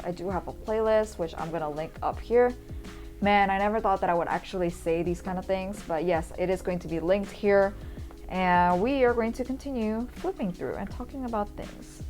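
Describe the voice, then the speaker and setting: This Indonesian vlogger and urban sketcher talks fairly quickly in a mid-range, slightly mellow voice. She rambles chattily and informally through a voice-over tour while background music plays.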